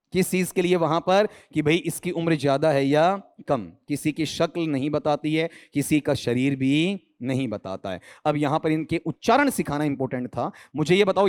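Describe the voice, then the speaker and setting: A man's voice: a little high, clean tone. A man teaching an online exam-prep English lesson, quizzing students on pronunciation, answering his own questions and joking with them. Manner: teasing, joking asides.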